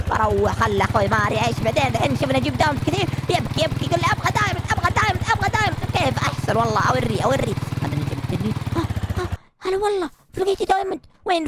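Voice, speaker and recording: A woman giving excitable, shouty, playful commentary while role-playing a game. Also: extremely high pitch, very noisy. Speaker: gaming YouTuber.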